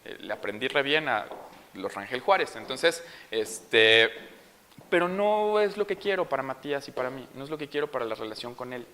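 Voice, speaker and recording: A man's voice: mid-range voice, moderate pace, a little hiss or hum. A young father with a Mexican accent, telling a story at a parents' school session and acting out the scenes. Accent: Mexican Spanish. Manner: animated, acts out scenes. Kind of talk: storytelling talk.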